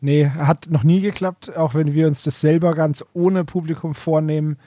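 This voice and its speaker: A man co-hosts a podcast in a casual, conversational way, his slightly high voice steady and dark in tone at a moderate pace. The recording is dry, with clean studio sound.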